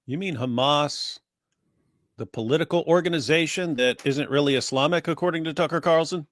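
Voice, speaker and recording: A man's voice: a little high, moderate pace, fairly bright tone, no echo. A man joining a casual live-stream chat as a guest over a video call, talking in dry, laconic quips. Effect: heard over a video call.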